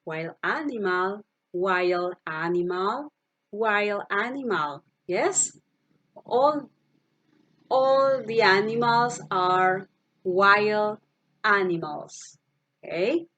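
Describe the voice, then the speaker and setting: A woman teaching English to primary school children, saying each animal word slowly and asking the kids to repeat it. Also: medium pitch, fairly bright tone, lo-fi sound. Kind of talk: online class, slow vocabulary drill. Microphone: computer mic, virtual class.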